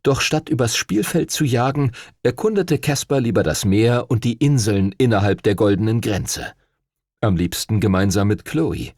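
A man narrating an audiobook in a calm, measured storytelling manner. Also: on the low side, dry recording, clean studio sound. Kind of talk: scripted narration.

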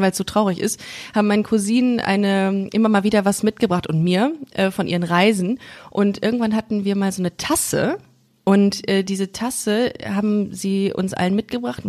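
A woman's voice: mid-range voice, a little mellow. A woman hosting a casual conversation, talking in a chatty, rambling way with many fillers and restarts. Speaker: host. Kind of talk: casual chat.

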